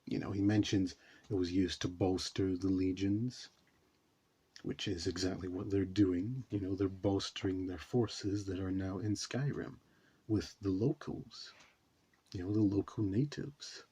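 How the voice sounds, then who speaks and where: A man's voice: low-pitched, steady tone, unhurried, dark tone, breathy edge. A man hosting a reaction video, talking casually and rambling with many fillers. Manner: rambling, says you know a lot.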